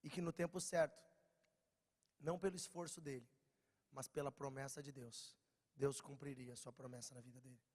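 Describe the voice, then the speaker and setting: At a youth meeting, a Brazilian preacher with a Brazilian Portuguese accent delivers a lively storytelling sermon, slightly hoarse from a cold. He swings from loud bursts to quiet low lines at a moderate pace, pausing often, with long church-hall reverb.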